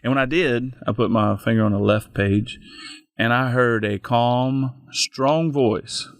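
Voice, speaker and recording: A man's voice: mid-range voice, a little slow, no echo. A middle-aged man, a pastor telling his own story in an interview, plainspoken and folksy, often restarting his sentences. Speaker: pastor and guest. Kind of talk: personal storytelling in a podcast interview.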